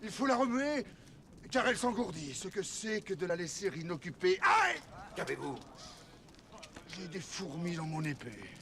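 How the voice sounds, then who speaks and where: A man's voice: sits high, animated, a little fast, over a noisy crowd. A male actor playing a proud, witty, swaggering swordsman-poet in a verse drama, declaiming flamboyantly and savoring each word. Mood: teasing, swaggering. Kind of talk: theatrical French verse drama acting. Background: music.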